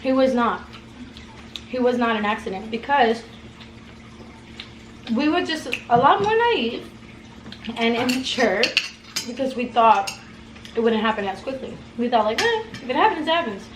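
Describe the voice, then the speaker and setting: A woman's voice: fairly high pitch, measured pace, pauses often, background noise. A woman in her twenties chatting casually while eating, rambling with lots of fillers. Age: 20s. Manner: rambling, many fillers, searching for words. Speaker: co-host, mother. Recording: roomy with background music.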